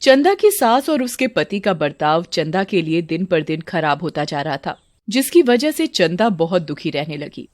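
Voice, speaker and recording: Brief: dramatic woman storyteller, lively pitch, dry close sound. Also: moderate pace, no echo. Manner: expressive, dramatic. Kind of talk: scripted story narration.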